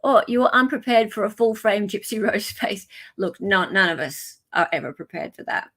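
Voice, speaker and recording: An Australian woman hosts a livestream, chatting informally with her viewers and greeting them mid-talk. Her mid-range voice has lively intonation and a fairly bright tone, at a moderate pace.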